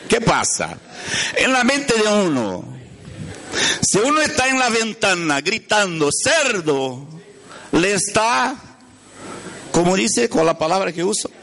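Speaking in a high voice with wide pitch swings, vocal fry and a sharp edge, a Brazilian man delivers an unhurried storytelling sermon in Spanish, leaving long pauses. Portuguese is his native language and his accent is Brazilian Portuguese. He often questions his audience and gropes for the right words.

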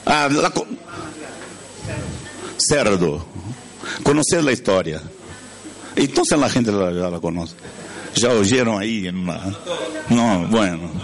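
Slow, lively Brazilian-accented man preaching. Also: fairly low pitch. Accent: Brazilian Portuguese. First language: Portuguese. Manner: asks listeners questions, searches for words. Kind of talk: storytelling sermon.

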